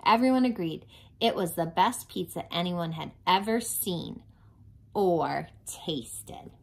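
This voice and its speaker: A woman reading a picture book aloud to children in an expressive storytelling style. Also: lowish voice, normal speed. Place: small home playroom, indoors.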